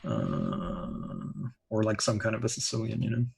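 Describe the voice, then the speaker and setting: A man's voice: fairly low pitch, huge pitch swings, normal speed, gravelly, a little mellow, husky. A man giving live chess commentary in a chatty way, explaining moves with many asides.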